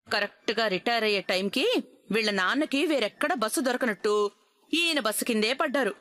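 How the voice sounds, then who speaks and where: A woman's voice: on the high side, brisk, a bit bright, close to an everyday voice. An actress playing a scornful, proud middle-aged mother-in-law in a TV serial, sneering and scolding. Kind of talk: TV serial acting.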